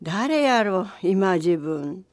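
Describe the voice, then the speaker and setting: A woman's voice: sits high, steady tone, a little slow, voice pushed up. A woman storyteller voicing a kindly old village grandfather in folksy dialect, raising her voice for him. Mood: muttering.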